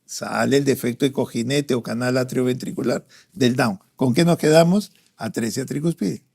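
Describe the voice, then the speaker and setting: Speaking at a moderate pace in a medium-pitched, creaky, somewhat mellow voice, a male doctor with a Peruvian Spanish accent gives a pediatric cardiology exam-prep review. He talks through the questions, with frequent "¿no?" and "este."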